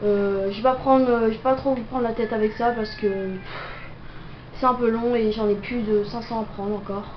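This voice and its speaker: A young woman who makes gameplay videos improvises commentary while sick with a cold, coughing as she goes. Her voice sits on the high side with a steady tone and moderate pace, hesitant and packed with fillers. The lo-fi audio is roomy, dull and noisy.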